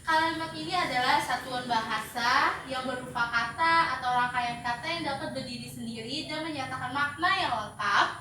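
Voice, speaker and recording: A woman teaching a grammar lesson to pupils, speaking with many hesitant filler pauses. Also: high-pitched, bright, forceful tone. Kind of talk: classroom lesson. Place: home study room. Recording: echoey room from far off, noisy.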